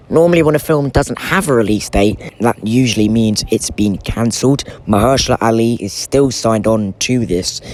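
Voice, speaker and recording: A man's voice: on the low side, darkish tone. A man hosting casual film news commentary with chatty fan enthusiasm, recorded under a towel draped over his head and microphone. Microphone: microphone under a towel over his head, shielding it from wind.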